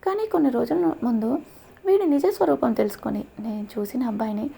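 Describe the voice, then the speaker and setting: A woman's voice: fairly high pitch, a little fast, gravelly, a little hiss or hum. A woman voicing a stern middle-aged father who firmly accuses a young man. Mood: stern, accusing. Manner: sharp, accusing.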